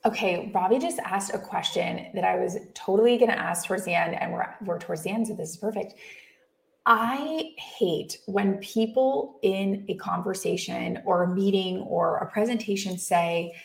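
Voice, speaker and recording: A woman's voice: mid-range voice, moderate pace, creaky, roomy sound. A woman hosting a podcast, asking rambling, casual questions full of restarts and fillers. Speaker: podcast host.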